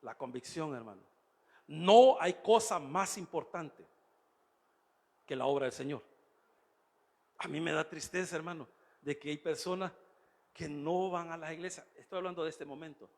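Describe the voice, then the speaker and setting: A man's voice: a little high, normal speed, gravelly, pauses often, a little mellow, in a large hall. A man preaching a sermon, emphatic, constantly calling his listeners "brother". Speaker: pastor. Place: church.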